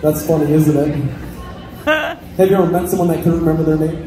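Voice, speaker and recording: A man's voice: fairly high pitch, sing-song, fairly quick, a little hiss or hum. A man in his thirties working as a stage hypnotist, giving volunteers repetitive, suggestive commands over a PA in a live show. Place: covered open-sided fairground stage. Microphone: handheld mic through PA speakers. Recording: echoey PA filmed from the audience. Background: loud music and crowd chatter.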